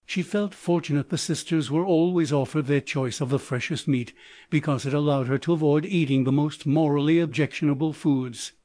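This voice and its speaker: A man's synthetic text-to-speech voice reading scripted audiobook narration in an even, measured way. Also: a little high, no room sound.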